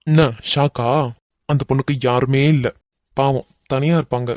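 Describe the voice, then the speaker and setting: A man's voice: medium pitch, fairly even intonation, moderate pace, darkish tone, no echo, studio quality, natural voice. A man voicing a hot-tempered young man who mocks and threatens a crook, with a Kanyakumari Tamil accent, in a cartoon. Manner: threatening, mocking.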